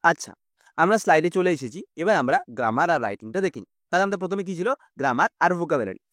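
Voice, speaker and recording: A man's voice: fairly high pitch, animated, fast talker, fairly bright tone, no room sound, clean studio sound. A man with a Bengali accent teaching an exam-prep English lesson, patiently explaining and often asking if students understood.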